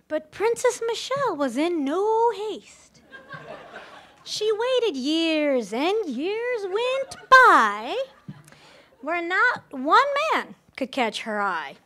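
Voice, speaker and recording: Speaking in a very high, slightly bright voice, a woman addresses wedding guests in person as the bride's friend. Part of her speech is a playful, theatrical reading of a rhyming storybook.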